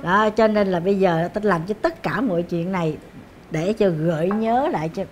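A woman's voice: mid-range voice, normal speed, a little hiss or hum, close to an everyday voice. An actress playing a blunt, gossipy older woman relative. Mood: explaining. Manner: blunt, familiar talk. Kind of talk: sitcom acting.

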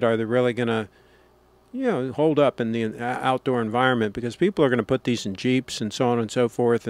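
A man narrates a casual product review. His voice is mid-pitched and recorded dry, and he explains things plainly. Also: smooth, no echo.

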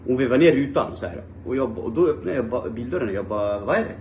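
A man's voice: medium pitch, lively intonation, a little mellow, reverberant, slight background noise. A man vlogging, telling a story in a casual, rambling way full of fillers, sounding tired. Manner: rambling, heavy use of fillers.

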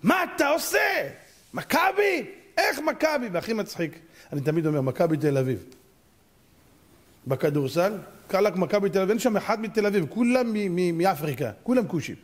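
A male rabbi preaching with a high voice. He fires off rhetorical questions and swings his pitch sharply up and down as he drives his points home. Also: expressive, darkish tone. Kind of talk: sermon.

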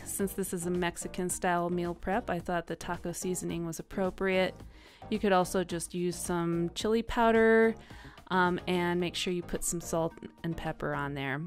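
A woman hosting a cooking channel, talking through each step in a relaxed, chatty voice-over with small laughs and fillers. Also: on the low side. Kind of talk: friendly voice-over cooking instructions. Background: soft guitar music.

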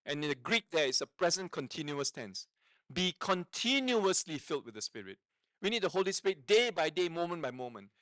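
A man preaching a teaching sermon as guest speaker. He talks emphatically, keeps checking in with his listeners, and drops low and quiet on key points. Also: no echo, poor audio. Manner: engaging, checks in with tag questions.

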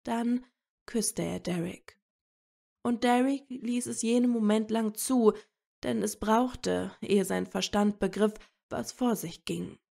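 A woman narrating a fan fiction story in a steady, measured reading. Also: on the high side, gravelly.

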